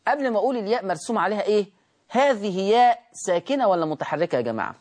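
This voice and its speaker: A man's voice: high voice, lively intonation, darkish tone. A man with an Egyptian Arabic accent teaching a Tajweed lesson, asking questions and answering them himself, stretching out words to demonstrate pronunciation. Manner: asks and answers his own questions, drawn-out demonstrations. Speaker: Quran recitation teacher.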